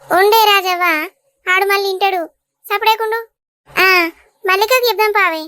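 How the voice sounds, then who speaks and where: Woman playing a melodramatic cartoon village mother, very high, bright, dry close sound. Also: steady tone, normal speed, dry recording. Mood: scheming. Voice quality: high-pitched, dramatic pleading. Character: emotional village mother, older woman, doting on her son. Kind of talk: Telugu cartoon dubbing.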